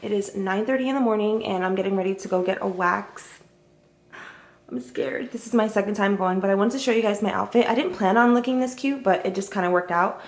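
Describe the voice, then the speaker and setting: A woman's voice: mid-range voice, fairly quick. A young woman chatting casually to viewers in a vlog, talking into a handheld camera while running errands. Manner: chatty, addresses viewers directly. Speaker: vlogger. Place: car and around town, indoors and out.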